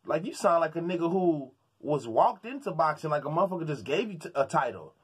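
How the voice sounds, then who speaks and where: A man's voice: on the high side, sing-song, a little fast, breathy edge. A man from Houston, Texas, ranting about sports as a vlogger in a fired-up, slangy way, often stammering and repeating words. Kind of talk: sports commentary rant.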